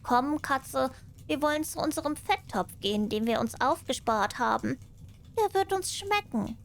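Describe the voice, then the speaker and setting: A woman's voice: high voice, animated, a little slow, gravelly, voice pushed up, exaggerated voice. A woman voicing a small, trusting female mouse in a fairy tale, earnest and inquisitive. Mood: eager.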